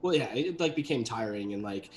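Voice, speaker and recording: A man's voice: medium pitch, animated, brisk, over a noisy crowd. Chatty young man rambling casually. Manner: chatty, rambling with many fillers. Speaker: guest, voice actor and animator. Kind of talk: casual livestream interview.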